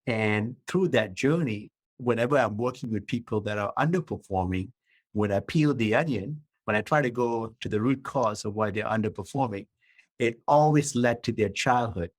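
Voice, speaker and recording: A middle-aged man from Malaysia speaks at a moderate pace in a fairly low pitch, recorded dry. As a guest author and coach in a podcast interview, he explains his ideas methodically, frequently adding "right?" to check in.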